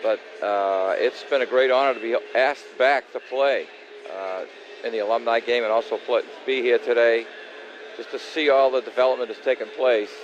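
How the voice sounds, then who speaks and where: A man's voice: medium pitch, moderate pace. A man in his sixties giving casual, modest, plain-spoken interview answers as a guest. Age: 60s. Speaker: former college hockey player, interview guest. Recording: dull lo-fi broadcast, faint noise.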